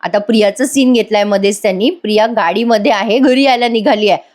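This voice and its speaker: A woman's voice: medium pitch, fast talker, a little mellow. A woman recapping a TV serial episode in a chatty voice-over, addressing viewers directly. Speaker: TV serial reviewer.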